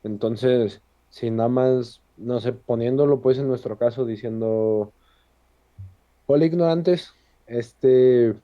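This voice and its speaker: A Mexican man hosting a podcast, explaining in a relaxed, casual way. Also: medium pitch, takes it slowly, few pauses, muffled recording. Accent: Mexican Spanish. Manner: relaxed, explanatory, uses fillers. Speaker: podcast host.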